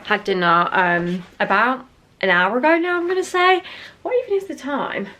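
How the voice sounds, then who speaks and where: Her voice is fairly high-pitched with a sharp tone, at normal speed: a young woman making a casual chatty vlog at home indoors. She rambles and self-corrects, wheezing from a chest infection.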